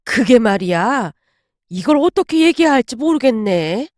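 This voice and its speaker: A woman reads an older Korean-drama mother-in-law, pitched lower and pushed louder than the narration, slow and insistent. The recording is close and dry. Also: sing-song, no echo. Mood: pleading. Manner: scolding, then pleading and slow. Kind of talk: storybook drama reading.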